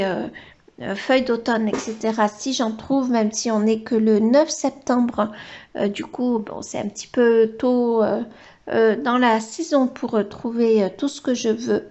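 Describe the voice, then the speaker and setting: A woman's voice: fairly high pitch, a little mellow, muffled recording. A woman vlogger chatting casually while she colors, hesitant and full of filler sounds, now and then cooing to her dog in baby talk. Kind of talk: casual coloring vlog chat.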